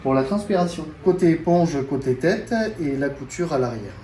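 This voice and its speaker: A man's voice: fairly high pitch, animated, normal speed, mellow. A man working as an equipment technician, giving a practical briefing. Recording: roomy, distant miking, faint noise.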